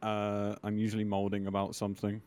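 Clear-voiced man, close and dry. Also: lowish voice, monotone, brisk, a little mellow, no echo. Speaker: guest streamer. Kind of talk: casual chat. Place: remote online group call.

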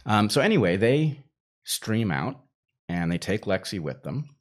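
With a fairly low pitch, wide pitch swings, and a measured pace, a man appears as a storyteller guest. His long personal anecdote is casual and rambling, full of fillers, self-interruptions, and returns to earlier points.

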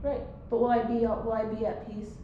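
A woman guest on a casual podcast talks bluntly, swears often and laughs a lot. Her voice is a little high with a level tone and a brisk pace. The sound is phone-quality with slight background noise and a very echoey room.

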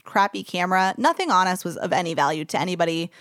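A woman's voice: on the low side, lively intonation, fast, a bit bright, no echo, clean studio sound. A young woman from Kentucky, co-hosting a casual chat and telling a travel story in a chatty, playful way with lots of "like". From Kentucky, USA. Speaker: podcast co-host.

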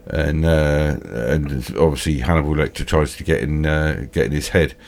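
A British man with toothless, slightly slurred speech, hosting a casual film chat in a halting, repetitive, rambling way. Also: rumbling low, creaky, darkish tone. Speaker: film discussion host.

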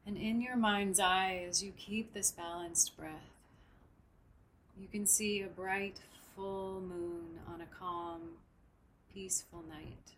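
A woman guiding a breathing meditation in a soft, soothing, unhurried way. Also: medium pitch, fairly even intonation, a little hiss or hum, rough recording. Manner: slow, soft, soothing instruction. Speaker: meditation guide. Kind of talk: guided meditation.

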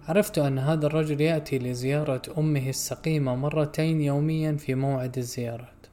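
A man narrating a literary story in a measured, somber way. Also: a little high, dark tone. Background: faint music.

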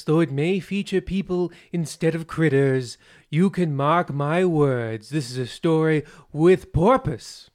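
A man delivering scripted comic storytelling narration in a grandiose, deadpan manner. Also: on the high side.

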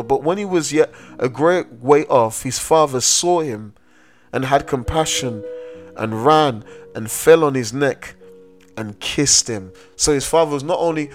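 A man preaching a sermon with emphasis, repeating key phrases and drawing out the words he stresses. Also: mid-range voice.

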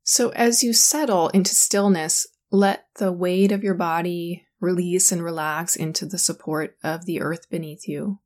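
A woman guiding a sleep meditation in a calm, soothing, slow manner. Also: on the low side. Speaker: meditation guide.

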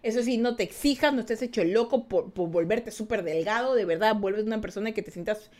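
A woman's voice: medium pitch, brisk, darkish tone. A woman, chatting casually as a streamer reading her live chat, teasing and laughing often. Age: 20s.

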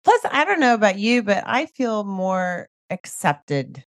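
A woman's voice: medium pitch, very animated, measured pace, dry recording, clean studio sound. A middle-aged woman with a scratchy voice, hosting a podcast in a chatty, casual way and laughing easily as she asks open questions. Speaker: podcast host. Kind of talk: casual interview chat.

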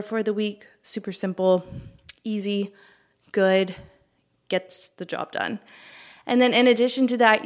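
A young woman fitness coach talking casually and chattily to her viewers, a little out of breath, with lots of fillers. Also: mid-range voice. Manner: chatty, upbeat, filler-heavy. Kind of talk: casual talk to camera.

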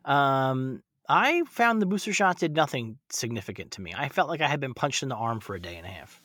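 A man's voice: medium pitch, expressive, brisk, a bit bright, no room sound, clean studio sound. A middle-aged man co-hosting a casual podcast, chatting informally and emphatically from inside a closet. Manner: informal, emphatic, swears freely. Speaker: podcast co-host. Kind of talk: casual chat. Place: inside a clothes closet at home.

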